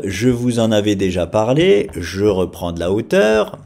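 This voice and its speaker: A man giving a casual crypto chart analysis, talking in an animated way and filling pauses with frequent hesitations. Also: mid-range voice. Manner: animated, frequent "hein" and "euh" fillers.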